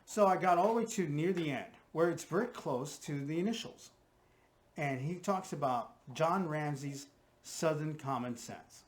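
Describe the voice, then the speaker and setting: A man's voice: fairly high pitch, normal speed. A man, a profiler, talking through his theory in casual conversation and often checking in with "right?" and "okay?". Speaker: guest profiler.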